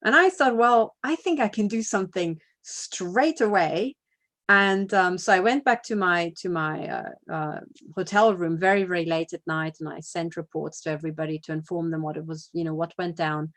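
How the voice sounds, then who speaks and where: A woman with a slightly low voice talks through a casual spoken report. She is blunt and emphatic, swears without hesitation, and keeps checking in with her listeners. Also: moderate pace, fairly bright tone. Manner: emphatic, chatty, peppered with "you know" and "right?". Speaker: activist giving a video report.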